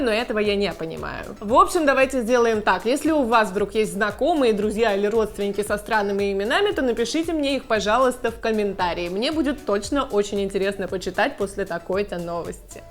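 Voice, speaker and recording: A woman's voice: mid-range voice, expressive, fairly quick, few pauses. A woman hosting a blogger news show, reading scripted items with conversational, lightly ironic commentary. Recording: music under the voice. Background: background music.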